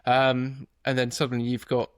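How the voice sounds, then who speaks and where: A man's voice: medium pitch, monotone, normal speed, smooth, no room sound, studio quality. A man with a British accent, co-hosting a podcast, chatting casually and self-deprecatingly, laughing often. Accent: British English. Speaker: podcast co-host, wedding photographer.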